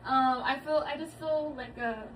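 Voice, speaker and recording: A woman in her thirties, appearing as a guest and daughter, chats casually with family in a relaxed, thoughtful way, using lots of fillers. Her voice is high-pitched and her pace moderate. The mic is distant, and background noise is clearly audible.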